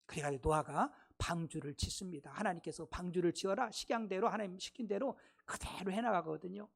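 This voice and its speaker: A man preaching a sermon in a church, talking in a conversational style with rhetorical questions, swinging between loud exclamations and hushed asides. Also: sits high, a little fast, gravelly, breathy edge. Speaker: pastor. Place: church sanctuary.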